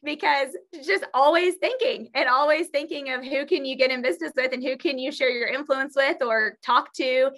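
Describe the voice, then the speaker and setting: Bright-voiced woman telling stories. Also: high-pitched, moderate pace, hardly any pauses. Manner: earnest, storytelling with many fillers. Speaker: real estate team leader. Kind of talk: presentation to colleagues.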